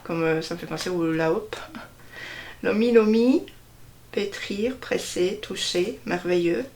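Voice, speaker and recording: A woman slowly presenting a deck of cards one by one, hesitating often and stressing each card name. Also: on the low side, darkish tone. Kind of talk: casual card unboxing walkthrough.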